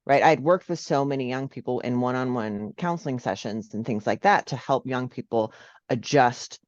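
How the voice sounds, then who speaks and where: A woman's voice: rumbling low, normal speed, dry recording, highs cut off. A woman, a social worker, talking in a casual interview and often checking in with "right?". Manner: animated, frequent "right?" tags.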